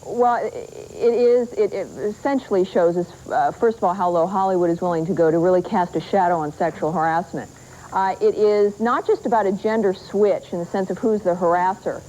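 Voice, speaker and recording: A woman's voice: fairly low pitch, normal speed, mellow, dull audio, a little hiss or hum. A woman on a talk show panel arguing her position assertively, heard from a worn VHS tape copy. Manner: assertive, argumentative. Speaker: advocacy group leader on a talk show panel. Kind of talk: panel debate.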